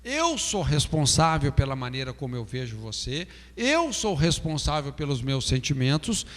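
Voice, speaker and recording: A man's voice: a little high, very animated, moderate pace, big-room sound. A Brazilian man teaching a pastoral counseling class, asking "não é?" often and acting out example phrases. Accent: Brazilian Portuguese. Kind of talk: classroom lecture.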